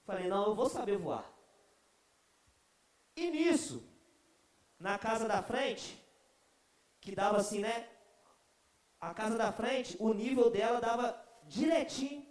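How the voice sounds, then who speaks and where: A young man preaching to a youth group, telling a story in an animated, comic way. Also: extremely high pitch. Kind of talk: storytelling sermon. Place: church. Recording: echoey church hall.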